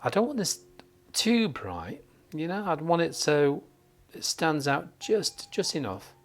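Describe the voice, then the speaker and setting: A man's voice: fairly high pitch, big pitch swings, unhurried. Chatty man from northern England teaching. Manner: chatty and jokey, thinking aloud while painting. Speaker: watercolour tutor. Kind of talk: live painting tutorial. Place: painting desk under studio lights.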